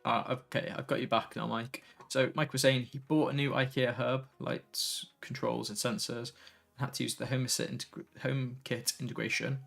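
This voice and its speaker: Tired, gravelly man streaming. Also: mid-range voice, moderate pace, few pauses. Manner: relaxed, tired, easily sidetracked, reads chat aloud. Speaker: tech streamer. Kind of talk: casual live stream chat.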